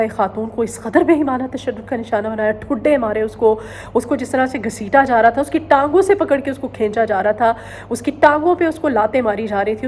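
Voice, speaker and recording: A woman from Pakistan giving earnest current-affairs news commentary, pausing often on hesitant fillers and repeating phrases for emphasis. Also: fairly high pitch, darkish tone, slight background noise.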